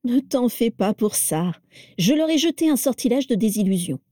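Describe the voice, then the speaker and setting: A woman's voice: expressive, moderate pace, no echo, clean studio sound. A woman voicing an exuberant, playful witch who teases and provokes, read in an audiobook. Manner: cheerful, teasing, high and bright. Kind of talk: audiobook character reading.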